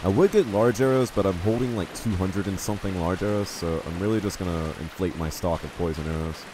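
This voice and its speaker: While gaming on stream, a man from the US rambles along in a low-pitched, brisk voice, teasing himself and reading chat messages aloud to his viewers. Background noise is audible.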